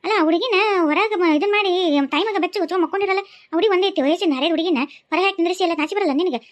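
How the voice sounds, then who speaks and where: A high-voiced, rapid-talking village matriarch scolds her neighbors in a North Karnataka Kannada accent, as a woman acts her out. She is a loud, stern cartoon elder. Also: steady tone. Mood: scolding. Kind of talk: cartoon voice acting.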